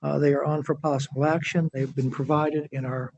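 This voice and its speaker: A man chairing a formal board meeting, running procedure in a measured way. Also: on the high side, little pitch movement, gravelly, a little mellow, slightly rough, dull audio.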